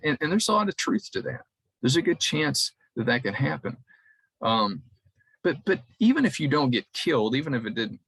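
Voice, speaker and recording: A man preaching a conversational sermon in a church, halting often and repeating words as he restarts his sentences. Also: mid-range voice, fairly bright tone, slightly rough, no room sound, rough recording.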